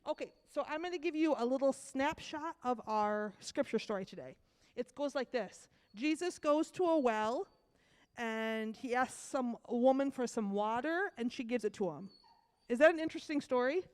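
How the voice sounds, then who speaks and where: A woman's voice: sits high, normal speed. Woman with a cold telling kids a story. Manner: animated storytelling to children, asks questions. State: has a cold. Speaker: children's message leader. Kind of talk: children's sermon.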